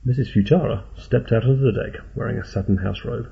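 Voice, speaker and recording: Gravelly, husky male narrator. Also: medium pitch, fairly quick. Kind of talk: audiobook narration. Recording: tinny phone-like audio.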